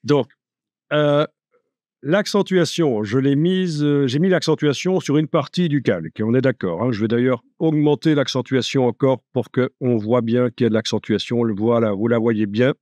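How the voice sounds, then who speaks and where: A man giving a live software tutorial, chatty and joking, thinking aloud as he works. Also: medium pitch, normal speed, dry recording. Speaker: software instructor.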